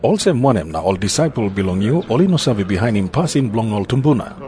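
A man's voice: fairly low pitch, very animated, fast, darkish tone. A man with a Papua New Guinean accent playing a stern, accusing religious elder in a dramatised scripture reading.

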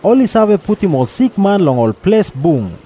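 Man, Papua New Guinean accent, scripture narration, high pitch, lively intonation. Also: moderate pace. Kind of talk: scripted Bible narration in Tok Pisin.

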